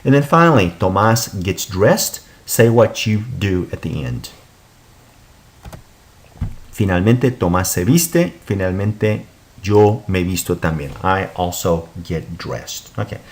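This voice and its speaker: A man's voice: low voice, animated, takes it slowly. A man teaching a recorded Spanish lesson, patiently explaining and repeating examples before translating them.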